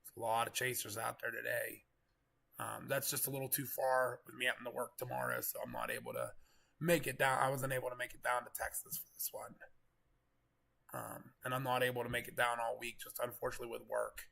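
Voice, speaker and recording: A man with a gravelly, congested voice from getting over a cold, giving casual, rambling live storm coverage commentary. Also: medium pitch, fairly quick, bright, forceful tone. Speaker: live weather stream host, storm chaser.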